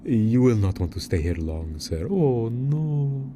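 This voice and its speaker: A man's voice: mid-range voice, very animated, slow, noisy background. A man playing a frail, nervous old barber in a Western video game, obsequious and hesitant with muttered hums. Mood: wary, servile. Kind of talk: video game character acting.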